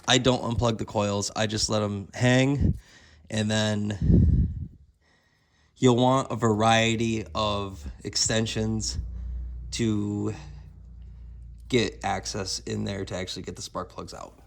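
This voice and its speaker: A man giving a casual how-to walkthrough while working on a car engine, explaining each step in a plain, low-key way. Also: steady tone, takes it slowly, gravelly, pauses often, slight background noise. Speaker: DIY car repair presenter.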